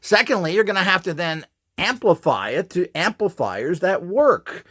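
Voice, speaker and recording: His voice is high and fairly bright, very animated, moving at a normal speed. As a presenter pitching upgrade equipment, he delivers an informal, rambling lesson that's emphatic, blunt and full of opinions, including contempt for the competition.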